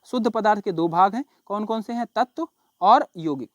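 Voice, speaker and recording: A man's voice: sits high, normal speed, no room sound. Chatty male science teacher, dry close sound. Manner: repeats key terms and asks the class questions; chatty, calls students bhai and babu log. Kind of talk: casual classroom explanation.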